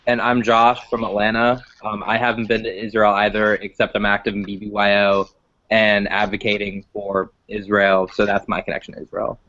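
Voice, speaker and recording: A man's voice: lowish voice, monotone, normal speed, pushed and bright. Teen boy host, online call, muffled lo-fi audio, reads prompts with ums. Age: teens. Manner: reading prompts with fillers. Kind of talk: hosting an online video call.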